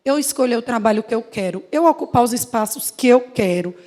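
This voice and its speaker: Earnest woman with a higher voice. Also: expressive, a little fast, darkish tone. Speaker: panelist. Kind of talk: panel discussion.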